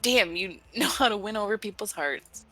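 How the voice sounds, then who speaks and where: A woman's voice: mid-range voice, animated, normal speed, sharp tone, faint music behind, rough recording. A woman playing and reading out a video game, narrating playfully and theatrically with casual banter. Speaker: let's play reader and player.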